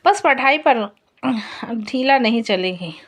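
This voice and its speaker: A woman's voice: on the high side, slow. Woman voicing a shy, reserved young husband. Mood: calm. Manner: calm, gently scolding. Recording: slightly dull lo-fi audio.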